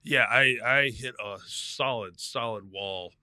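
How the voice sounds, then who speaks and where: A man's voice: medium pitch, takes it slowly, sharp tone, no echo, studio quality. A man chatting casually as a producer and co-host on a radio show. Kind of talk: casual chat.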